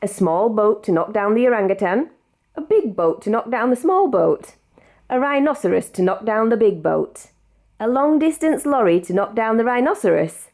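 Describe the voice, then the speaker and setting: With a fairly high voice and a British accent, a woman narrates a children's picture book in a measured, expressive storytelling style.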